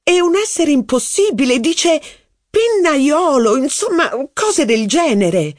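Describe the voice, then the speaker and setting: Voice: high voice, sing-song, slow pace, no room sound, clean studio sound, pitched above the performer's own voice, exaggerated voice. An audiobook reader voicing a haughty, witty aristocratic duchess, with mocking, theatrical, exclamatory speech. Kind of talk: audiobook reading.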